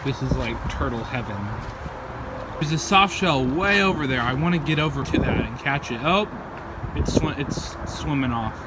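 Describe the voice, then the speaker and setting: Expressive and mid-range, this young vlogger's voice moves at normal speed as he films wildlife in woods and beside ponds. He talks informally and eagerly into a phone held at arm's length, addressing animals as "buddy," while outdoor background noise fills the handheld recording.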